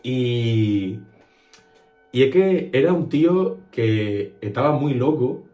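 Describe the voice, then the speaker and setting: A young man talks through music history with his co-host in a relaxed, chatty way, often chiming in to agree. His voice sits at an average pitch. The room is echoey, and faint music plays underneath. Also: slow pace. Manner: agreeable, keeps saying "claro" and "efectivamente". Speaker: podcast co-host. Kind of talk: casual chat about music history.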